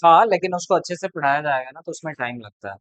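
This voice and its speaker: A man's voice: on the high side, quick pace, fairly bright tone, no room sound, low-quality recording. A man tutoring a class, talking casually and bluntly to his students between problems. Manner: blunt, chatty, lecturing. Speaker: math tutor.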